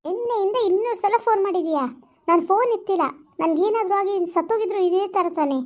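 A hurt, jealous young woman, played by an actress, scolding in quick, high bursts. Her tone is reproachful and stubborn. The sound is dull and lo-fi, as in a homemade village skit. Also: a little mellow, lightly acted. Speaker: amateur skit actor. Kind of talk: village vlog skit acting.

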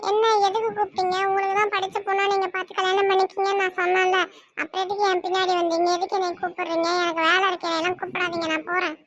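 A woman voicing a touchy, shrill young cartoon girl. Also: little pitch movement, fairly bright tone. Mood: hurt, sulky. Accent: Tirunelveli Tamil. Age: 20s. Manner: sulky, complaining, quick to take offence. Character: young woman of twenty, touchy and easily hurt. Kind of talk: cartoon voice acting.

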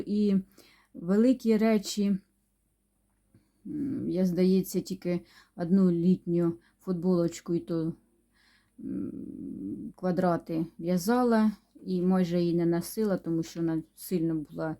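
A woman talks through her knitting projects in a slightly low, mellow voice. She speaks unhurriedly, with hums and pauses, now and then sinking to a soft near-whisper. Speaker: knitting vlogger. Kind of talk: casual show-and-tell chat.

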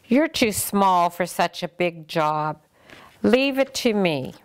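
A woman's voice: on the low side, expressive, slow. A woman reading a proud storybook horse. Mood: confident. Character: proud, confident male farm horse.

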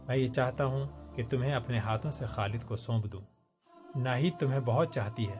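A man voicing an earnest, protective soldier brother, speaking softly and solemnly in a storybook. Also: mid-range voice, close to an everyday voice.

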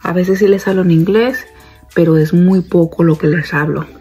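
A young woman talks straight to her viewers in a loose, chatty vlog, circling back and repeating herself. Her voice sits a little low, dark and mellow in tone, with a very husky, breathy texture. Soft music plays faintly behind her. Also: steady tone, moderate pace. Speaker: vlogger. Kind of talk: casual chat to viewers.

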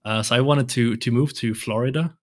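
A young Swedish man talks a little fast in a medium-pitched voice, speaking English as a guest in a casual podcast interview. A native Swedish speaker, he is hesitant and restarts many times. His home room has shelves and colored lights, and he records on a large arm-mounted studio mic while wearing headphones.

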